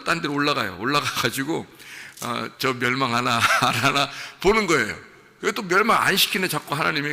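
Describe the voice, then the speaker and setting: A male pastor with a strongly gravelly voice and a sharp, bright tone preaches at an early morning service. He talks in a casual, conversational way, firing rhetorical questions at the congregation. His voice rings out with a long reverb in a church sanctuary. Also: a little high. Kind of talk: sermon.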